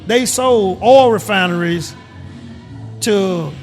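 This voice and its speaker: Middle-aged Southern man from Mississippi, high voice for his sex, slow emphatic guest storyteller, faint music underneath. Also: darkish tone. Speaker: guest, retired government agent. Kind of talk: casual interview.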